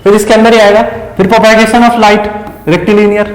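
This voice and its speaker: High-voiced man teaching in an echoey room. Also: flat delivery. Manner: asks students quick questions. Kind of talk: casual exam-prep lesson. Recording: echoey room with long reverb.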